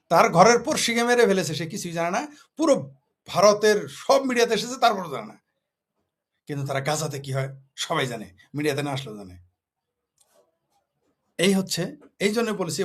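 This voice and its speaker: A political commentator from Bangladesh delivers a heated monologue, combative, scornful and packed with rhetorical questions. His voice is on the high side and a bit bright.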